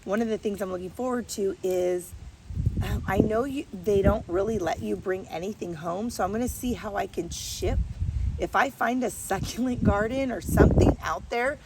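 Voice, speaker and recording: A woman hosting a gardening vlog chats casually and rambles as she narrates her hands-on work. Her voice is medium in pitch at a normal speed, picked up by a distant mic against a noisy background.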